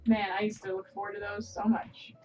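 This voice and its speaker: A woman's voice: mid-range voice, level tone, fairly quick, distant mic, a little hiss or hum, poor audio. A woman in casual chat on a livestream, rambling and restarting her sentences.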